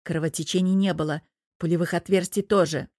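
A woman narrating an audiobook in a steady storytelling manner. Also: on the low side, fairly quick, no echo, studio quality.

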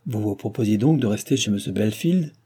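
A man reading aloud, voicing a jealous, agitated young gentleman who speaks tensely and curtly. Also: lowish voice, lively intonation, fairly quick, husky. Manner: tense, suspicious and curt.

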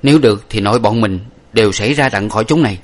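A man voicing a brave young hero who laments loudly and blames himself. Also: fairly low pitch, fast talker, natural voice. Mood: resolute. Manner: lamenting, declamatory. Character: brave young male hero, grieving and self-blaming.

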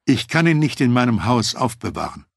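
A man's voice: medium pitch, very animated, brisk, creaky, dry recording, clean studio sound. A man voicing a tense, suspicious middle-aged man, speaking curt, guarded lines in an audiobook reading.

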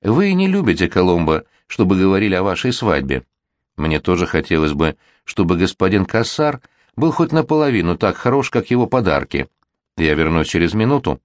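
A man voicing an excitable little girl who teases and coaxes, in a read-aloud storybook. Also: low-pitched, a little fast, no echo. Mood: eager. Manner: eager, exclaiming, coaxing.

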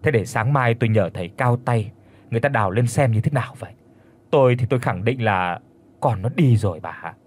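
A shaken middle-aged father stammers through his words, as a male narrator plays him. The voice is husky and moves a lot in pitch, with a Northern Vietnamese accent. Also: animated, a little fast, darkish tone, lightly acted. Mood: placating.

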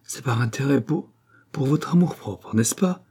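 A man's voice: mid-range voice, expressive, a little slow, dark tone, slightly rough, voice pushed up. A man reading an audiobook, voicing a proud young nobleman who presses his questions earnestly. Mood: insistent. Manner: insistent, earnest.

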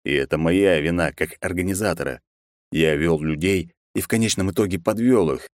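A man narrating an audiobook in a steady, measured reading. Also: deep voice, no echo, studio quality. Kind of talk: scripted narration.

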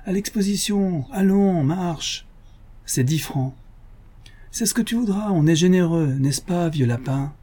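A brash young woman cyclist from an old storybook, sassy and bossy in rough street slang, as a male reader puts her on. Her voice is raised high and lively, yet keeps a husky edge. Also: unhurried.

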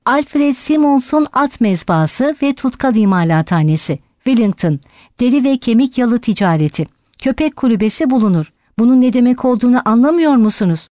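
A woman voicing an old grumpy male donkey who shouts urgent warnings. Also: fairly high pitch, lively intonation, a little fast, no echo, studio quality, natural voice. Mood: alarmed shouting.

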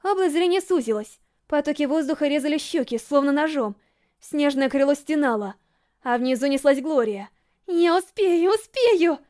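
A woman reading a first-person novel aloud as an audiobook narrator, with dramatic, emotionally expressive storytelling. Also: high voice, moderate pace.

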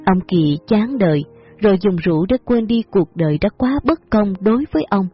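A woman narrating a story in a calm, measured way, in a dull lo-fi recording with faint music behind. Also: medium pitch.

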